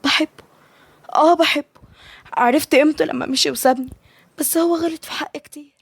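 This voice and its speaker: Young mother, Egyptian Arabic accent, strong-willed, raised pitch, woman reader. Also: steady tone, fast, darkish tone, husky, no echo, studio quality. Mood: bitter.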